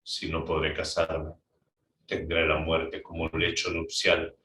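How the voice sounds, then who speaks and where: A man voicing a tormented young man who laments in a soft, hushed voice. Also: a bass voice, completely flat delivery, slow pace, slight background noise, voice pushed down, full character voice. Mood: lamenting. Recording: roomy, distant mic.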